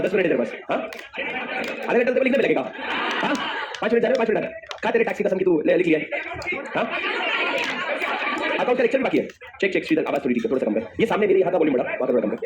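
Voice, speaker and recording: A man teaching a class, energetic and teasing his students, then dictating slowly. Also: sits high. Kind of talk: lively classroom lecture. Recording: noisy classroom with class chatter. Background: students murmuring.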